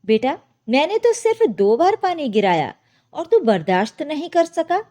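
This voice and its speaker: Elderly loving mother, soft and tender, with a mellow, slow voice, read by a woman. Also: high voice, big pitch swings, exaggerated voice. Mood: reproachful. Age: older.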